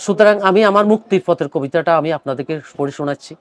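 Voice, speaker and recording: Older male poet, high voice, dry close sound, earnest and pleading, drops in English words. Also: quick pace, no echo. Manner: mixes English words into speech. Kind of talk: speaking to camera at a book fair; poetry recitation.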